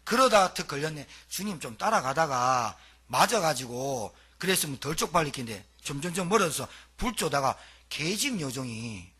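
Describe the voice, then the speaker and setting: Husky, forceful preacher with a high, swinging voice. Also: male voice, very animated, normal speed. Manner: dramatic, colloquial preaching with rhetorical questions. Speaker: pastor. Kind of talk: sermon.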